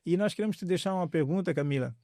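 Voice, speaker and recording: Gravelly podcast host. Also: male voice, high-pitched, rapid-fire, dry recording, studio quality. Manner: warm, hesitant questioning with many fillers. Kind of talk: podcast interview.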